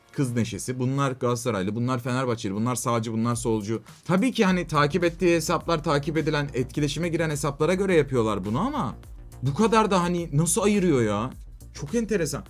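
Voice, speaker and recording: Fast-ranting young man streamer. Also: faint music behind. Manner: animated ranting, swings between loud outbursts and low muttering. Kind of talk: casual live-stream chat.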